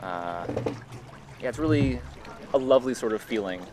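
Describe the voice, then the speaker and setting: A man's voice: mid-range voice, moderate pace, noisy background. An American man doing live sports commentary, explaining at an easy pace with frequent fillers. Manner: explanatory, relaxed, many fillers.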